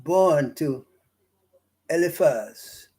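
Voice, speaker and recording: A Bahamian man giving an informal Bible study, reading verses slowly and pausing often with fillers and restarts. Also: on the high side, animated, a little mellow. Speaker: Bible teacher. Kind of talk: slow informal scripture study talk.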